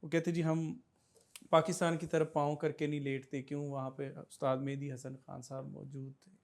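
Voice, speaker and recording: A man's voice: fairly high pitch, little pitch movement, creaky. Formal male podcast host. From Pakistan. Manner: formal, measured questions with Urdu literary words. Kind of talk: interview questions.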